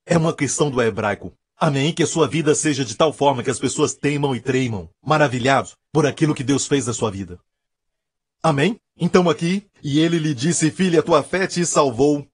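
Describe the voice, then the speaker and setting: A fairly high, husky male voice preaching with emphatic, repeated phrases. He sounds close and dry, with little room around him, as he drives each point home. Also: normal speed, no room sound. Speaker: pastor. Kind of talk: sermon.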